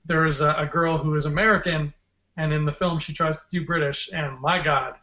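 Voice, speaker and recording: A man chats casually as a podcast co-host, playful and joking, drifting into rambling asides. His voice sits a little high. The sound is muffled and rings with room echo. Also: fairly even intonation, brisk, pushed and bright. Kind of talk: casual livestream chat. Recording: dull, echoey room sound.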